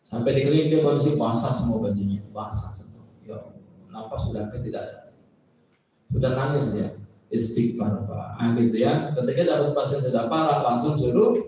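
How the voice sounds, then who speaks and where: A man teaching a massage training session, animated and quizzing his audience, recorded from afar in a large indoor hall. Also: mid-range voice, a little fast, slight background noise. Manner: animated, asks audience questions, acts out patients' words. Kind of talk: training lecture. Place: large indoor hall at an Islamic boarding school. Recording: echoey hall, mic far off.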